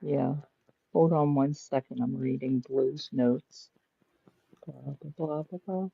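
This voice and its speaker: A man's voice: medium pitch, steady tone, takes it slowly, creaky, slightly rough, no room sound. A co-host man talking bluntly and swearing freely from home beside a sleeping baby, his voice muffled as if heard through a wall. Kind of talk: casual podcast chat. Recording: dull muffled lo-fi line.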